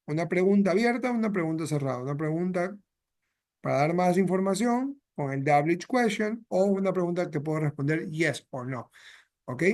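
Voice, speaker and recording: High-voiced bilingual English teacher. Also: male voice, a little mellow. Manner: mixes English and Spanish, repeats phrases with "¿ya?" and "¿ok?". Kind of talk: bilingual classroom explanation.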